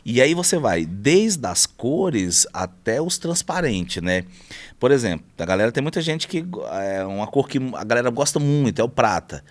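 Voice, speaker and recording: A man's voice: medium pitch, normal speed. Chatty man telling shop stories. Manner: storytelling, animated when telling anecdotes. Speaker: car wrap shop owner. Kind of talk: casual interview chat.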